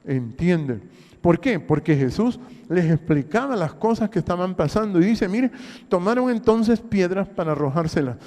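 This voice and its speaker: Speaking at a normal speed with animated energy, an older man with a Honduran accent preaches forcefully, piling up rhetorical questions and repeating phrases. His voice surges loudly and then sinks to a murmur, echoing through a long hall reverb.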